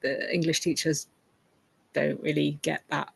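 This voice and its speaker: A woman's voice: low-pitched, flat delivery, measured pace, vocal fry, slightly rough. A woman hosting a casual interview, asking questions in a hesitant way. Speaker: interview host, English teacher.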